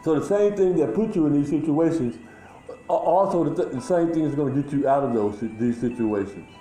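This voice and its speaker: A man talking in a rambling, halting way, full of fillers and restarts, in a casual monologue recorded outdoors. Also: a little high, warm tone, roomy sound, faint music behind, poor audio.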